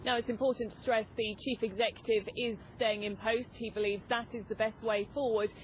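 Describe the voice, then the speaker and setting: A woman's voice: a little high, steady tone, a little fast, poor audio. A woman giving a live news report as a field reporter. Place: outside a hospital. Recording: outdoor ambient noise behind.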